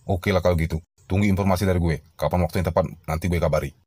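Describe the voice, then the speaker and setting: A man voicing a scheming village man who talks slowly and conspiratorially in a hushed voice, for a comedic cartoon. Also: steady tone, no room sound, studio quality. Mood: secretive. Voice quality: low, hushed.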